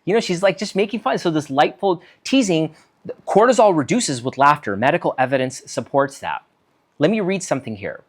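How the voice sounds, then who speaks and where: A man's voice: a little high, fairly quick. A man, a physician, giving a solo talk, reading from notes and acting out example lines. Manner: animated, acts out quoted lines, reads from notes. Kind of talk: solo talk on conversation skills.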